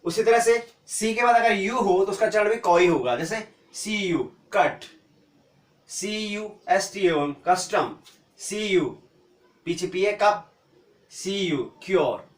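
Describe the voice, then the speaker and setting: A man teaching an English pronunciation lesson, spelling out letters slowly and asking and answering his own questions. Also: high voice, far from the mic. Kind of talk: classroom-style phonics lesson. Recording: echoey room, voice from off-mic.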